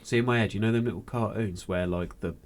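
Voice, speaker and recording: A young man co-hosting a podcast, with a very deep voice. He banters through the chat, dropping quick jokes and teasing asides. The delivery is loose and informal. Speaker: podcast co-host. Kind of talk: casual chat.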